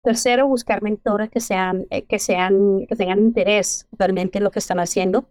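A middle-aged woman with a Colombian accent, a medical geneticist answering interview questions in an earnest, measured way. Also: mid-range voice, steady tone, darkish tone, dry recording, clean studio sound. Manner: earnest, measured advice-giving. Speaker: medical geneticist, podcast guest.

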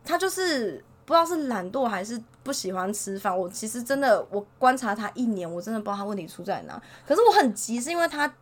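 A woman who works as a preschool teacher, telling a story in a casual chat, animated and exasperated. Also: a little high, quick pace, few pauses.

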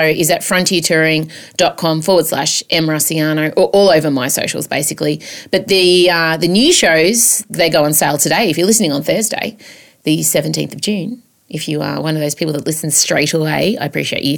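A woman's voice: deep voice, steady tone, a little fast, gravelly. An Australian woman hosting a comedic podcast as a chatty monologue, campy, theatrical and self-mocking, with the odd swear word.

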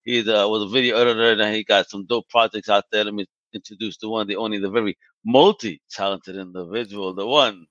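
A man's voice: on the low side, fairly even intonation, brisk, few pauses, fairly bright tone, no room sound, lo-fi sound. A man hosting a casual podcast interview, hyped and slangy with playful banter. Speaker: podcast host.

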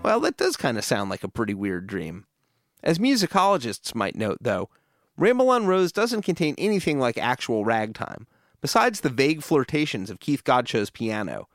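A man narrates a scripted documentary podcast. His pitch is mid-range but moves around in an animated way, and the sound is dry and close. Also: moderate pace, dry recording, soft background music.

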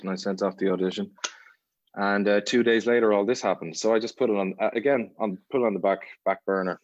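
A man with an Irish accent, an actor talking in a relaxed podcast interview, rambling with many restarts and fillers. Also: on the low side, no echo, dull audio. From Ireland. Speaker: actor guest.

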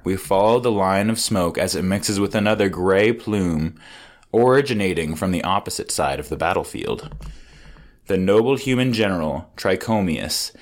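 This man has a low, deep voice and narrates a tabletop game as its game master. He tells the story in a loose, joking, profane way and often breaks into laughter between lines.

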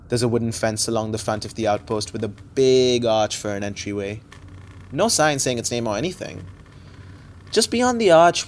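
A young adult man narrates in first person as the lead of an audio drama, his medium-pitched voice lightly acted. He's chatty, dropping wry, self-deprecating asides.

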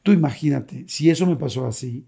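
A man telling a story in casual chat, animated and acting out screams. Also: mid-range voice, fairly quick, creaky, breathy edge. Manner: animated, acts out screams and gasps. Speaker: guest.

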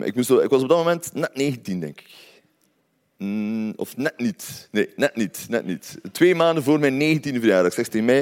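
Brief: Flemish man, personal storyteller, lively up-and-down voice, chatty tone. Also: mid-range voice. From Belgium. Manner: conversational, often adds tag questions.

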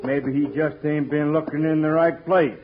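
Man acting a bossy, higher-voiced outlaw villain. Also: steady tone, moderate pace, music in the background, lightly acted. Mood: sly. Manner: gruff, bossy. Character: scheming, mean outlaw boss. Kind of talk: old radio western acting. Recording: noisy, muffled old radio recording.

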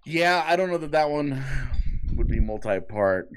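A man's voice: on the high side, animated, moderate pace, a little hiss or hum. A man co-hosting a sports podcast, chatting casually about teams and seasons.

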